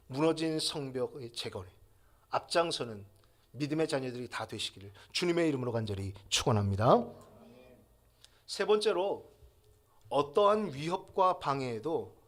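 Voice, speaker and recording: Male pastor, sermon delivery, animated swooping pitch, emphatic build-ups, fairly high voice. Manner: lively preaching with rising emphatic peaks; leads the congregation in call-and-response.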